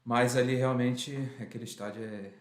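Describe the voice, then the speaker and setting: A man's voice: medium pitch, fairly even intonation, moderate pace, roomy sound. A man, the podcast host, chatting casually with short agreeing replies.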